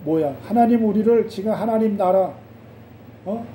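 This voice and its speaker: A man's voice: sits high, normal speed, warm tone, roomy sound, distant mic, a little hiss or hum, low-quality recording. A male pastor preaching a sermon in a church, talking casually with rhetorical questions and acted-out quotes.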